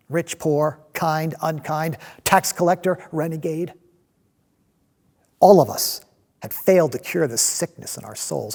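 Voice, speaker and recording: An actor playing a passionate, restless disciple in a dramatic monologue, telling his story with halting, emphatic delivery and repeated words. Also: a little high, creaky, darkish tone, slightly rough, exaggerated voice. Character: passionate male zealot disciple, restless man of action, recalling Jesus.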